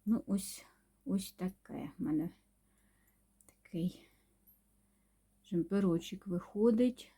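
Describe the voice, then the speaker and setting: A woman chatting unhurriedly about her knitting projects, pausing and humming as she talks, sometimes dropping to a near-whisper. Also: medium pitch, warm tone, breathy edge. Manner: unhurried, chatty, with many pauses and hums. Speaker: knitting vlogger. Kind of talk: casual show-and-tell chat.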